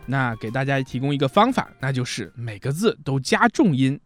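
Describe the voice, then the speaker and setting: A man hosting a radio talk on relationship advice, explaining points in a lively, chatty way and acting out quoted lines. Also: mid-range voice, normal speed, no echo, soft background music. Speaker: radio host.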